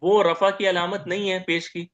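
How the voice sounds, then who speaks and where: A man giving a grammar lecture as teacher, posing questions to the class, answering them himself and repeating each term slowly. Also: sits high, little pitch movement, lo-fi sound. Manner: asks questions and answers them himself, repeats terms, says "okay" often.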